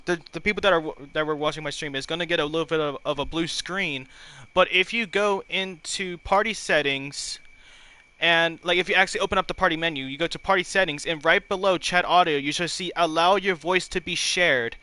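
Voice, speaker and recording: A man with a high-pitched, bright and sharp voice. He co-hosts in a casual commentary style, explaining things patiently and encouragingly. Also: brisk, clear, resonant tone. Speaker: co-host and race commentator.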